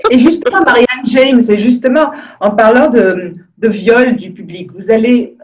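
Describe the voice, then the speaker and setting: A woman journalist hosting an interview, asking questions with halting restarts. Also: fairly high pitch. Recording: distant, dull-sounding mic.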